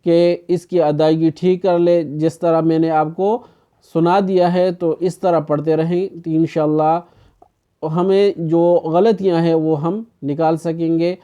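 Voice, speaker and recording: Male Quran teacher, slightly high, smooth voice, lo-fi recording; explains, then chants slowly. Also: level tone, dark tone. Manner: asks the class questions and answers them himself. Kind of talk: online recitation lesson.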